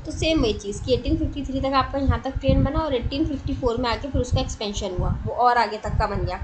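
A woman with a fairly high voice teaches an online coaching class at a quick pace, mixing in English words, talking straight to the students and quizzing them along the way. Steady, clear noise runs under the recording.

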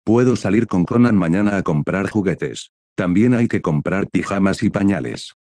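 A man voicing a loving young female ninja wife and mother in a read-aloud fan story, in a gentle tone. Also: low-pitched, animated, normal speed, dry recording. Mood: asking.

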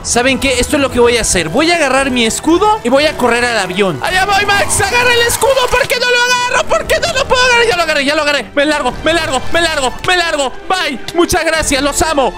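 A young man with a Mexican accent doing excitable gameplay commentary, dramatic and panicky, often yelling and repeating himself. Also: very high-pitched, fast talker, hardly any pauses, a loud crowd. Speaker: gaming YouTuber. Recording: music under the voice.

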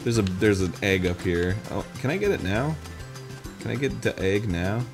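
A man streams a video game and comments on it live, cursing freely and jumping between relaxed chatter and sudden high-pitched shouts. Faint game music plays softly underneath his voice. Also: moderate pace. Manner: excitable, profane, swings into loud high-pitched yelps.

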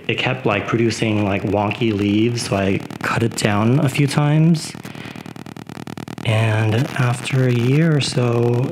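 A man's voice: medium pitch, noisy background. A man giving a casual tour of his houseplants at home, rambling with lots of fillers. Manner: relaxed, unhurried. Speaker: plant vlogger.

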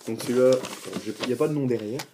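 A man's voice: medium pitch, racing, noisy background. An eighteen-year-old man vlogging casually, rambling with many restarts, fillers and aggrieved asides.

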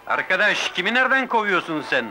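A man's voice: high voice, sing-song, fast, sharp tone, faint music behind, heavily acted. An actor playing a bold, mocking young male hero in 1960s film acting on an old soundtrack. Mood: defiant. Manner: mocking and defiant.

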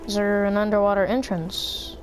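A woman's voice: mid-range voice, normal speed, soft background music. Playful woman narrating her gameplay. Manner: playful, excitable, thinks aloud. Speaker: gameplay player. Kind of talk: casual let's play chat.

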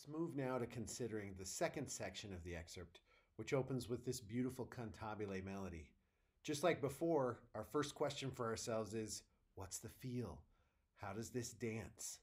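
A man who teaches trumpet at a university, explaining audition preparation step by step in a clear, methodical teacher's manner. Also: on the low side, animated, moderate pace. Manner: sings musical phrases in scat syllables to demonstrate. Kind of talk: instructional video on audition preparation.

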